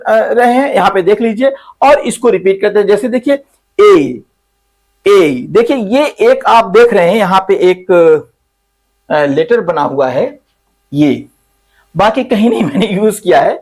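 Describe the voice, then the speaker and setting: A male English teacher, slowly going through the alphabet and repeating each letter sound several times. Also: high-pitched. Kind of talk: spoken English lesson.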